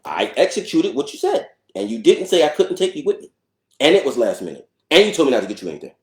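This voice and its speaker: A man's voice: on the high side, wildly swooping pitch, a little mellow. Sarcastic man with a swooping voice. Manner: sarcastic, playful, drawn-out delivery. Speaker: co-host of a couple's live stream. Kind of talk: casual live-stream chat. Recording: roomy echo.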